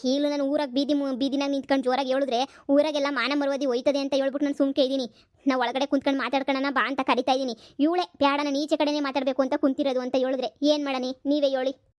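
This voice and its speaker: Woman doing a landlord's wife, high and quick, placating, dry sound. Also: little pitch movement, darkish tone, no echo, close to an everyday voice. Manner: placating, insistent. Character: rich landlord's wife, defensive and pleading. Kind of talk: cartoon comedy voice acting.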